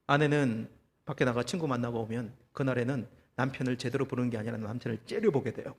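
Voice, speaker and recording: A man preaching a sermon as pastor, telling a story with lively, acted-out quotes and rhetorical questions to the congregation. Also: medium pitch, fast talker, creaky, big-room sound. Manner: animated storytelling, acting out quoted voices. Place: church.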